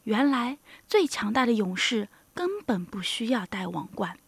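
A woman narrating a children's story in an expressive way, with soft, hushed asides. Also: fairly high pitch, measured pace, gravelly, husky, no echo.

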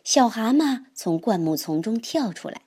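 A woman reading a children's story aloud, slow and expressive. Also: on the high side, breathy edge.

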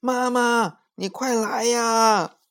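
A man putting on a mischievous young boy, high, pleading calls. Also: steady tone, very slow, a bit bright, clean tone, exaggerated voice. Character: naughty little boy who mimics everyone.

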